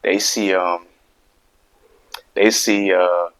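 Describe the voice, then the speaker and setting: Speaking extremely slowly, a man with a low, steady voice that sounds a bit bright and smooth hosts his own video. His casual opinion monologue to camera is full of stuttering and repeated words as he makes emphatic points again and again.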